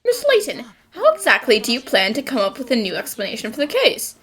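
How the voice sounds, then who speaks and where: High, animated woman acting an anime dub assistant. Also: a little fast. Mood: doubtful. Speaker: voice actor in a fan dub. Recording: music behind the voice.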